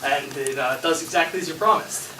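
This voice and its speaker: An actor playing a genial, casually confident investor, speaking in an informal, emphatic way in scripted film dialogue. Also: male voice, fairly high pitch, brisk, natural voice. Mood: breezy. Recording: echoey room, distant mic, noisy clicks.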